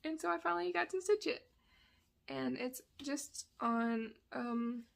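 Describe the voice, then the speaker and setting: A woman's voice: sits high, measured pace, creaky. A woman with a dry throat, rambling casually as she shows off her cross-stitch projects. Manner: rambling, chatty, self-correcting. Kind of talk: casual chat. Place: indoors at home, sunny spot.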